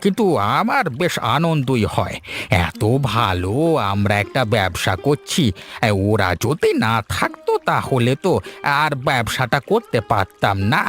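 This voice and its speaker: An actor playing a greedy, excitable crab trader in a melodramatic, exaggerated story-drama style. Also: male voice, mid-range voice, a little slow, faint music behind. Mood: smug, gloating. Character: greedy, gloating crab trader, panics in danger. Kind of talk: melodramatic Bengali audio-story acting.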